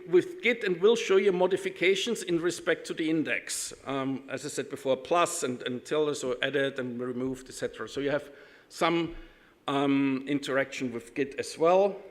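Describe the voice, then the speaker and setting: An Austrian man with an Austrian German accent gives a technical conference talk, his voice on the high side. He halts often, with lots of ums and restarts, and his humor is dry and self-deprecating.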